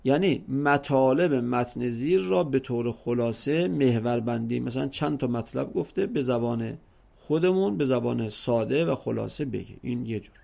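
Gravelly-voiced man teaching Arabic grammar. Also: medium pitch, expressive, a little mellow. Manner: slow, deliberate, repeats examples several ways. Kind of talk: classroom lesson explaining exam question types.

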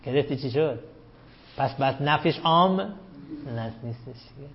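A man teaching a grammar class. He reads quoted lines slowly and loudly, questions the students and calls them "sir" and "dear". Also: mid-range voice, lo-fi sound, slight background noise. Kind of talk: classroom lesson, reading a text aloud and explaining it.

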